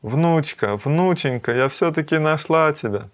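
A man doing an excitable old grandmother. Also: fairly high pitch, measured pace, voice pushed up. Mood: excited.

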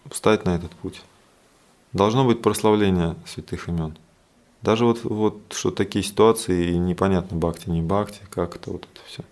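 A man's voice: lowish voice, darkish tone. A man teaching a scripture study class in a loose, explanatory way, with frequent fillers and asides.

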